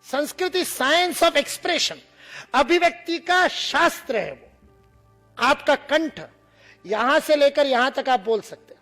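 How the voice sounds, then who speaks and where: A man's voice: extremely high pitch, fairly bright tone. A man from India lecturing to students, demonstrating sounds and teasing the audience with humor.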